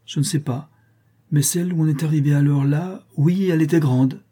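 A man's voice: fairly high pitch, steady tone, moderate pace, warm tone, slightly rough, voice pushed up. A man voicing a shy little girl of about five who gives small, unsure, matter-of-fact answers. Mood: innocent.

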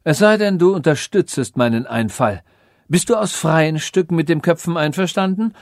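A man's voice: fairly high pitch, lively intonation, moderate pace, no echo, studio quality, voice pushed up. Man doing a cruel, mocking king. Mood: scornful. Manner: mocking, scornful and commanding. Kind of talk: audiobook reading.

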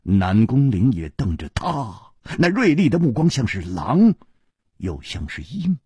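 Slow, husky male storyteller, wide-swinging voice. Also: mid-range voice, huge pitch swings, a little mellow, dry recording, studio quality. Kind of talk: traditional storytelling.

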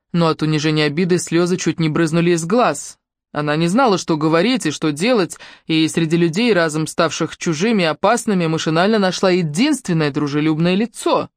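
Brief: female audiobook narrator, wry even storytelling, dry studio read. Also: fairly low pitch, no room sound. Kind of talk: scripted narration.

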